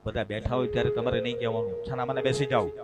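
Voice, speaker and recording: A man's voice: medium pitch, fairly even intonation, rapid-fire, close to an everyday voice. A man voicing a proud, irritable grown son, a doctor, who scolds in a haughty way. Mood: scolding.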